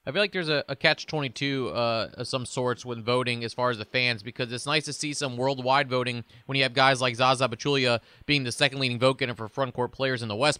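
Bright, quick male podcast host. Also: mid-range voice, clear, resonant tone, no echo. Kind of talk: sports interview.

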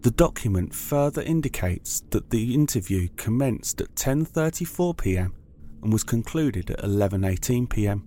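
Mid-pitched man narrating true crime. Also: lively intonation, normal speed, warm tone, a little hiss or hum. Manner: formal, factual.

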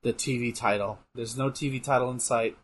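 A man's voice: medium pitch, steady tone, a little fast, slightly rough. A young man casually chatting and joking while playing a game, swearing and laughing often. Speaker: co-host. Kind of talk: casual gaming chat with commentary.

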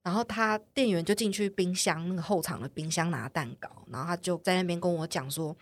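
Husky woman telling a story. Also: on the low side, fairly quick. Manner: animated, quotes others in put-on voices. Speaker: podcast co-host telling a dating story. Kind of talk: casual storytelling chat.

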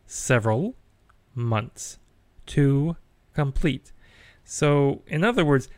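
Guy hosting a nerdy news podcast, kinda high voice, chatty w/ dry jokes, close mic. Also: dry recording. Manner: chatty, wry asides, frequent fillers. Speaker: podcast host.

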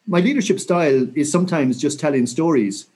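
A man in his sixties with a west of Ireland accent, talking reflectively and earnestly in an interview with measured, rhetorical phrasing. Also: a little high, animated, darkish tone, slightly rough. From County Mayo, Ireland. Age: 60s. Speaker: interview guest, senior military officer.

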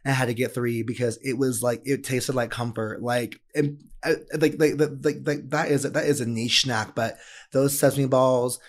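A man co-hosting a podcast, telling lively, profane stories in casual chat. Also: mid-range voice, normal speed. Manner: animated, swearing, laughing storyteller. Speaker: podcast co-host.

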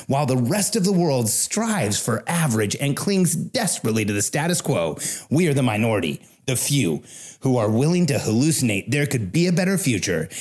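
A man in his forties delivering a scripted motivational podcast intro in an emphatic, declarative way. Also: mid-range voice. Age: 40s. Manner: emphatic, declarative, punchy lists. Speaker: podcast host.

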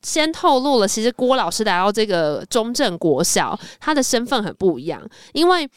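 一位带台湾腔的年轻女性播客主持人，随意聊天，生动地讲述故事。. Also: female voice, medium pitch, normal speed, smooth, dry recording, clean studio sound. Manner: animated retelling of a story, playful. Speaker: podcast co-host. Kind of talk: casual chat, storytelling.

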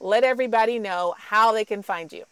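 A woman's voice: medium pitch, a little fast, a bit bright, clear, resonant tone, dry recording. A woman hosting an interview, encouraging and upbeat as she speaks to the guest and to the audience. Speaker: podcast host.

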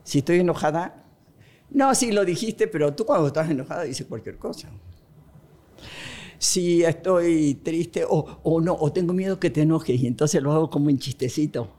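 A woman's voice: sits low, moderate pace, mellow. A woman guest explaining relationship communication in a casual conversation, often asking rhetorical questions.

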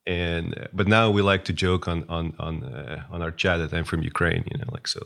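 A man's voice: low-pitched, steady tone, fairly quick, creaky, fairly bright tone. A man, a guest chatting casually and hesitantly, with many fillers and restarts. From Russia. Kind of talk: casual interview chat.

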